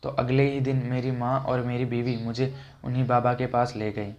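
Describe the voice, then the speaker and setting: Male narrator, first-person horror account, monotone delivery, dull lo-fi sound. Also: mid-range voice, normal speed.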